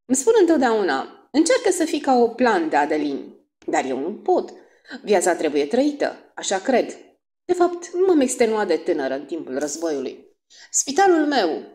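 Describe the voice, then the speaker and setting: A woman voicing a fussy, self-absorbed middle-aged wife with a strident, shrill voice and a gushing, self-dramatizing manner, in an audiobook. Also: huge pitch swings, warm tone.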